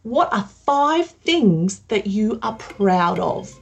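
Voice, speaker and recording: A woman's voice: mid-range voice, big pitch swings, slow, gravelly, husky, highs cut off, faint music behind. A woman presenting a children's show in a broad singsong, kids' theatre manner, gushing and encouraging. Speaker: children's podcast host.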